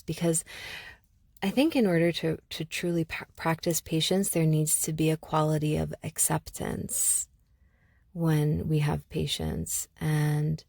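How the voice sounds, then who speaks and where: A woman from Algeria talks through her thoughts on her own podcast, pausing often and circling back to find the right words. Her voice sits low and moves slowly. The recording is dry, with no room sound around her. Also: gravelly, darkish tone, dry recording. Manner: thoughtful, searching, many pauses and restarts. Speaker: podcast host. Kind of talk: reflective solo podcast talk.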